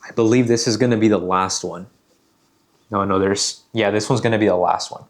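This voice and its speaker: A man coaching on sales calls in a measured, deliberate way, repeating key phrases for emphasis. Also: on the low side, fairly even intonation. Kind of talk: instructional talk.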